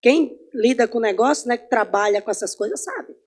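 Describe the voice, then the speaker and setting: A woman teaching an informal Bible class in church. She tells personal stories, asks the class questions and swings between loud and soft. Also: on the high side, animated, normal speed. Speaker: Sunday school Bible teacher.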